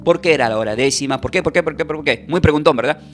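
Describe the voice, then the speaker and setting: Male pastor preaching over soft music. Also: fairly high pitch, quick pace. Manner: rhetorical questions and call-and-response with the congregation. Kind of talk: sermon.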